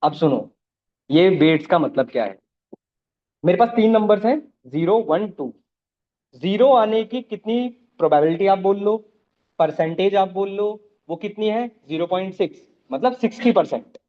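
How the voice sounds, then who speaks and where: A man with a fairly high voice teaches a live coding class. He walks through each step and keeps checking that his students follow. The recording sounds dull and lo-fi. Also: lively intonation, moderate pace. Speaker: programming teacher.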